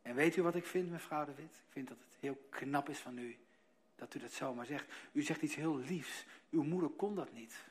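A man voicing a gentle, patient male nurse in a care home, soft-spoken and hesitant. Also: on the high side, moderate pace, close to an everyday voice.

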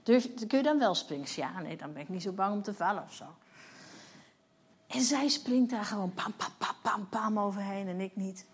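A husky, mid-range female voice at a normal speed. She is a church leader in her fifties delivering a personal testimony sermon, recounting her story vividly and acting out the dialogue.

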